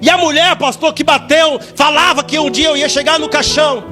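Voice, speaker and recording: A man giving a fervent church testimony in a sing-song preaching manner, repeating words and rising to shouts. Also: extremely high pitch, steady tone, a little fast, soft background music.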